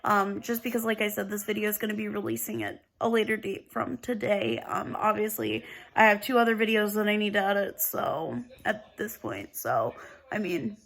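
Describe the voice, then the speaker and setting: A woman's voice: medium pitch, gravelly, fairly bright tone. A woman vlogger talking casually to her camera in a chatty way, with lots of "like" and "um". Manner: chatty, full of "like" and "um". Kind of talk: casual vlog chat to camera.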